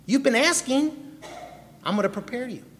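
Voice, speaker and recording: Preaching with animation at a normal pace, a Milwaukee man delivers a sermon of personal testimony in a very high-pitched voice. He calls on listeners by name and asks them questions. Slight background noise and long hall reverb color the audio.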